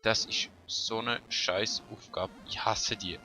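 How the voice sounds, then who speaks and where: Brief Swiss German man, let's play commentary, bright sharp voice, faint game music. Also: lowish voice, steady tone, slow. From Switzerland. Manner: chatty, muttering to himself, bursts of frantic shouting. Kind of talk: casual gameplay commentary.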